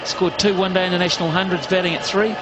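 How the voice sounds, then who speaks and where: A man's voice: high voice, fairly even intonation, fast. A man working as a cricket commentator on live television, opinionated, emphatic and conversational. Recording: loud crowd noise behind broadcast voice. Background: loud stadium crowd.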